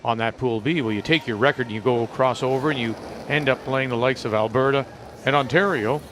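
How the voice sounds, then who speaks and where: A man working as a play-by-play commentator, explaining the format in a relaxed way and calling shots live. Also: medium pitch, a little fast. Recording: heavy background noise.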